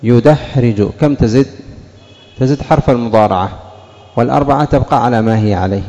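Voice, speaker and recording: A man teaching a grammar class, calling on students and repeating each example slowly. His voice is mellow and dark, and a long reverb hangs on it from the classroom. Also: mid-range voice, lo-fi sound. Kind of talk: classroom lesson with questions to students.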